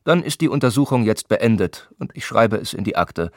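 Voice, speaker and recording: A man voicing a brusque, impatient spa doctor who talks down to his patient in a gruff, scolding way. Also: on the low side, expressive, moderate pace, darkish tone, dry recording, clean studio sound.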